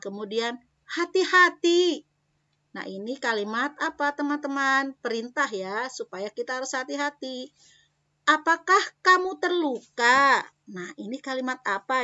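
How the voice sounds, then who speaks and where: Bright sing-song woman teacher, dull audio. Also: on the high side, no room sound. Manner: sing-song, coaxing, asks children questions. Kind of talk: online class lesson for young children. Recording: dull lo-fi dry recording.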